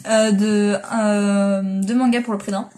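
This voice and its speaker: A woman's voice: mid-range voice, fairly even intonation, slow, a little mellow. A young woman chatting casually as a manga vlogger, rambling with lots of fillers and restarts, on a built-in device mic. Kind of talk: casual chat.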